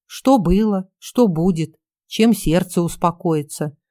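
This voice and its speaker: Casting: a woman doing a cornered, whiny male photographer, mellow, dry voice. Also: fairly low pitch, takes it slowly, no echo. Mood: indignant. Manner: whining, sputtering complaints.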